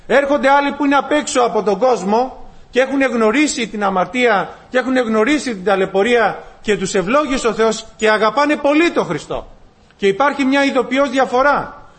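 A man's voice: very high-pitched, a bit bright. A male preacher delivering a sermon, asking his listeners questions and retelling stories with voiced dialogue. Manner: asks the congregation rhetorical questions and acts out dialogue. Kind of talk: sermon with storytelling.

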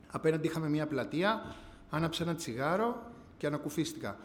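A man with a fairly high voice gives a heartfelt church testimony, with sudden swells and drops in his delivery. His voice rings through a large hall with a long echo, and a faint hum sits behind it. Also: animated. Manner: earnest storytelling with quick rises and drops in pitch and loudness. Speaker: speaker giving a testimony. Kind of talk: personal testimony to a church gathering. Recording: long hall reverb, faint background noise.

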